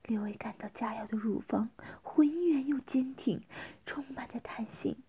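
A woman narrating an erotic audio story in a soft, hushed whisper. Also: a little high, moderate pace, slight background noise.

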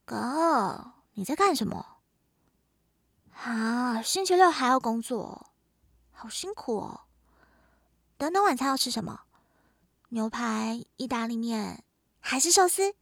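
High, breathy, cutesy little-sister companion. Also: female voice, animated, slow, pauses often, no echo, clean studio sound, full character voice. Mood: cutesy, pouting. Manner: coquettish, whiny, pouting. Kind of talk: audio role-play.

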